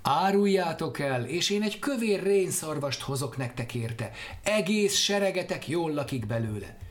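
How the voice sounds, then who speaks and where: Storybook hero read by a man: lifted pitch, pleading, quick-tempered. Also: expressive, natural voice. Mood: coaxing. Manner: pleading, rising to shouts. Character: wingless flying man, pleading, quick to anger.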